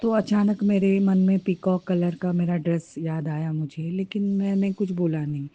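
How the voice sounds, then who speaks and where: Woman, devotional testimony, fervent repeated thanks; very dark, mellow tone, dull lo-fi sound. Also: on the low side, steady tone, normal speed, no room sound. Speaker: devotee sharing a satsang testimony.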